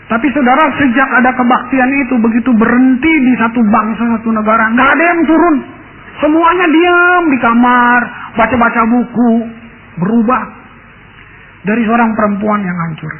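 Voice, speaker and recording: A man's voice: very high voice, normal speed, pauses often. A male pastor telling a story in a sermon, often turning to address the congregation directly. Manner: keeps addressing the congregation as brothers and sisters. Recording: tinny lo-fi radio sound, faint hiss.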